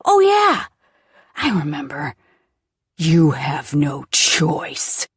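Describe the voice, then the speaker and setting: A woman's voice: fairly low pitch, animated, measured pace, darkish tone, slightly rough, no room sound, studio quality, full character voice. A woman voicing a menacing mocking captor.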